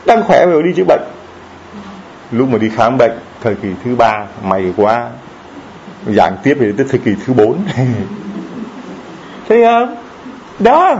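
A man preaching a sermon in a lively, joking way, often asking the congregation questions. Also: medium pitch, lo-fi sound, slight background noise. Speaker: priest.

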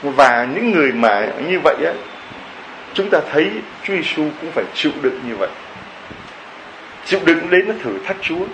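A man's voice: on the high side, sing-song, normal speed, long pauses, background noise. A man preaching a homily, telling a story and firing off rhetorical questions to the congregation.

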